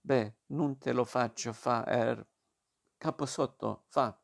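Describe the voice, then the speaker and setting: A man's voice: medium pitch, steady tone, slow, creaky. A man voicing a cheeky, playful teenage street boy with a Roman dialect accent and a teasing, drawling delivery.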